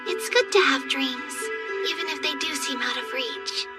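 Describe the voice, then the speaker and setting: A woman voicing a cheerful, caring young farm girl in an anime English dub, fussing and gently teasing. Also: sits high, normal speed, loud music behind the voice, lightly acted.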